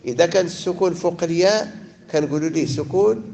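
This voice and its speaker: A man with a Moroccan Arabic accent teaching a tajweed lesson to a class. He recites verses slowly, stretching the sounds, then explains the rules briskly to his students. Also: on the high side, vocal fry, dark tone.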